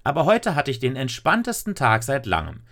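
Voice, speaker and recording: A man's voice: medium pitch, huge pitch swings, brisk, fairly bright tone, voice pushed up. A man voicing a weary but kind mother in a children's audio story. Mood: relieved. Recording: noisy recording with clicks.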